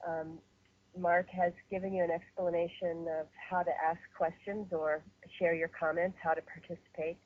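A woman hosting and facilitating a webinar call, speaking in a measured way with many fillers and restarts. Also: fairly low pitch, flat delivery. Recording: muffled phone-line webinar audio.

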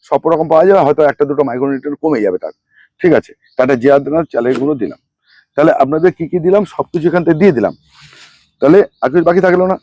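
A man's voice: a little high, darkish tone, dry recording. A middle-aged man, hosting a gardening channel, who walks through a fertilizer mix and names and repeats each ingredient and amount as he goes. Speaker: rooftop gardening channel host. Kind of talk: hands-on gardening demonstration.

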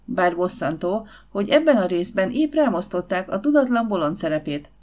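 A woman's voice: on the low side, very animated, darkish tone. A woman voicing an indignant young Victorian lady. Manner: indignant, exclaiming. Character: spirited young Victorian lady, quick-tempered.

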